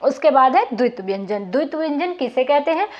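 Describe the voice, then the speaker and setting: A woman's voice: high voice, expressive, a little fast, darkish tone, lo-fi sound. A woman teaching a lesson on Hindi consonants, patiently demonstrating each sound and repeating it for her students.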